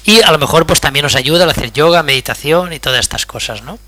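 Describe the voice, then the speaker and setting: A man's voice: fairly high pitch, fast talker, sharp tone, no room sound. A middle-aged man giving a public lecture, telling personal anecdotes in a conversational way and often checking in with the audience. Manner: conversational storytelling, frequent "¿vale?" check-ins.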